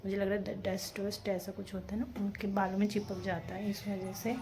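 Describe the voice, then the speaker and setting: A woman's voice: mid-range voice, level tone, a little fast. A young woman chatting casually in a home vlog from her bedroom, rambling on and talking to her baby. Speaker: family vlogger. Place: bedroom at home with the door open. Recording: loud street traffic noise through open door.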